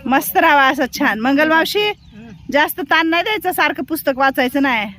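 Woman, Marathi accent, high voice, old-age home caretaker, gentle coaxing, motherly. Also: lively intonation, a little fast. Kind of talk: caring talk with elderly residents.

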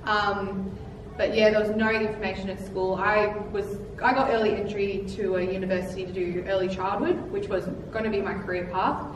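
A woman's voice: mid-range voice, steady tone, normal speed, hardly any pauses. Young Australian woman tradie, chatty, distant mic with room hiss. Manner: chatty, with fillers and laughs. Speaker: qualified electrician, panel member. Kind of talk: panel discussion. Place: large plain meeting room, seated at table. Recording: echoey room from far off, noisy.

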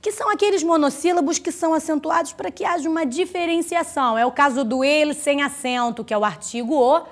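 Woman teacher, high voice, careful drawn-out example words, chatty asides. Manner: chatty, teasing asides to the student. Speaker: Spanish teacher. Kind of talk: recorded language lesson.

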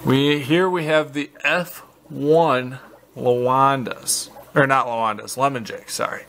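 A man from the American Midwest giving a casual, halting walkthrough of his basement fish tanks, full of fillers and restarts, recorded on a handheld camera. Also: medium pitch, steady tone, a bit bright, a little hiss or hum. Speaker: fish breeder vlogger. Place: basement fish room, indoors.

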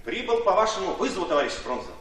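In a radio drama, a male actor plays an earnest, ardent Red Army commissar, delivering deliberate, impassioned phrases in a respectful mood. His voice is high-pitched, very animated and fairly bright, with slight background noise.

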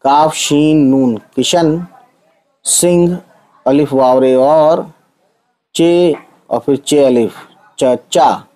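A man's voice: a little high, warm tone, low-quality recording. A man teaching Urdu letters to Hindi speakers, spelling out words sound by sound and often checking that his viewers follow. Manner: slow, patient letter-by-letter reading with frequent checks.

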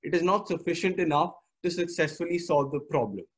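A teenage boy of about 16 or 17, with an educated Indian English accent, gives an earnest, formal slide presentation. His voice is a little high and his delivery brisk.

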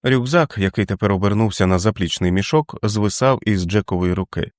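A man reading a novel aloud as an audiobook, in a steady, measured way. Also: fairly low pitch, dry recording, clean studio sound. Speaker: audiobook reader. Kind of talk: scripted narration.

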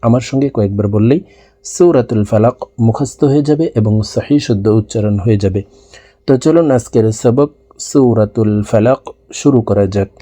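A man with a Bangladeshi Bengali accent teaching Quran recitation word by word, drawing out the recited words and then explaining the rules more briskly. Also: mid-range voice, mellow, dry recording. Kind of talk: slow recitation lesson.

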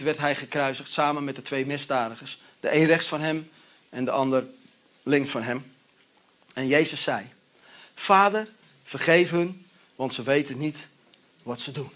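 A male pastor gives a sermon in a chatty, animated storytelling style. His voice sits a little high for a man.

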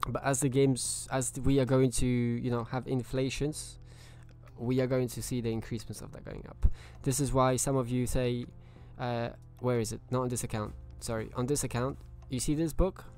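A man's voice: mid-range voice, fairly even intonation, normal speed, a little mellow, faint music behind. A man streaming a video game live, chatting casually and greeting viewers by name.

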